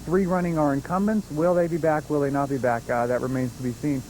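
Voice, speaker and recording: A man's voice: on the high side, steady tone, a little fast, darkish tone, slight background noise, low-quality recording. A man reporting live from a courthouse for local TV news, hesitant with many fillers. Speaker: field reporter.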